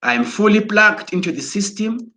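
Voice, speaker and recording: A man giving an excited promotional talk, exhorting listeners and often restarting his words as he goes. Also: sits high, normal speed. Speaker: broadcaster.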